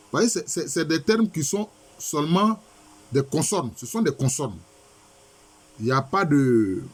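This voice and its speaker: A man's medium-pitched, slightly rough voice delivers a lecture on Egyptian texts. As a professor, he reads passages out and explains them, often raising questions and supplying the answers himself.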